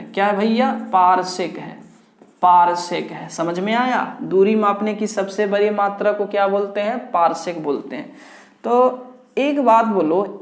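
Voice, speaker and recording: A woman teaching an online exam-prep lesson, repeating each key point and quizzing her students with rhetorical questions. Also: mid-range voice. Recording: echoey room.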